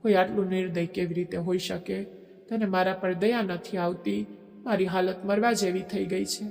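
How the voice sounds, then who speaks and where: A man voicing an obsessive, possessive young man in a storybook drama, forceful and speaking through gritted teeth. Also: sits high, little pitch movement, a little fast, creaky, faint music behind. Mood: angry, desperate. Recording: echoey long reverb.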